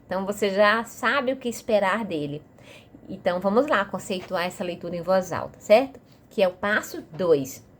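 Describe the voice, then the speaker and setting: A woman with a Brazilian Portuguese accent talks parents through a reading method in a relaxed, conversational lesson, her voice sitting at an ordinary middle pitch. She keeps checking in with the listener as she explains. A faint noise runs underneath the recording. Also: normal speed. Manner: chatty, frequent tag questions, talks straight to the listener.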